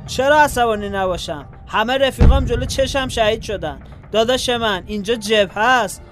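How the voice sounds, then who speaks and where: An actor playing a young male frontline soldier who is grieving and hot-tempered, with a blunt and scolding manner, in a radio drama. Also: very high voice. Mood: angry. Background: music.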